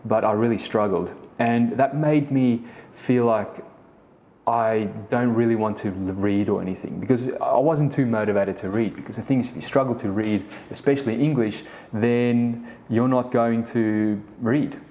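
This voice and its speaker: Warm-toned and mid-range, a man's voice carries a casual solo podcast at a moderate pace. He is a South African business co-founder in his thirties, Afrikaans being his first language, and he tells a rambling story full of restarts and "the thing is."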